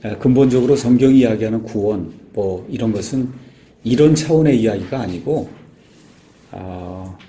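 Mellow-voiced man preaching plainly. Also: lowish voice, a little hiss or hum. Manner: halting, many "ye" fillers, explanatory. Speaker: guest speaker. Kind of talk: informal sermon.

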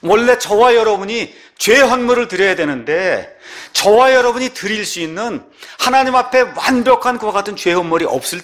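A man preaching a sermon, reading scripture aloud and asking his congregation rhetorical questions. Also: a bit bright. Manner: reads scripture slowly, rises and drops sharply in pitch. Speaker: pastor.

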